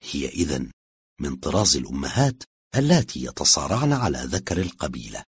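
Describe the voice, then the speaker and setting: A man with an extremely deep, husky voice reads a dark first-person tale, voicing a woman's confession. His pitch swings widely from line to line as he leans into the suspense. The sound is close and dry, with no room around it. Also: sing-song, fairly quick, no echo. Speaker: audiobook reader. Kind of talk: scripted story narration.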